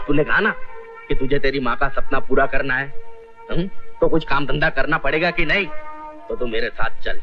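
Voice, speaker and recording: An actor playing a kindly street performer who teases and looks after children. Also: male voice, a little high, lightly acted. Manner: teasing, fatherly. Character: kindly adult street performer, jokey and protective. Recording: lo-fi film soundtrack with music.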